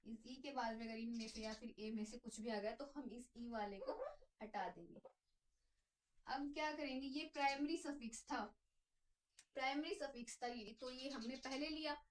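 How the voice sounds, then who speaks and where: A woman's voice: a little high, moderate pace, recorded from a distance, slight background noise, poor audio. A woman teaching a chemistry lesson, explaining step by step and answering her own questions as she goes. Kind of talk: classroom lecture.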